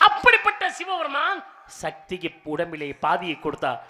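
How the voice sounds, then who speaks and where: A man's voice: high-pitched, wildly swooping pitch, normal speed, bright, forceful tone. A man performing as a sage in a village street drama, declaiming temple lore in a ringing voice and teasing his partner and the crowd. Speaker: stage actor playing the sage Narada. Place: outdoor village stage before a crowd. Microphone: stage mic. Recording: live crowd behind.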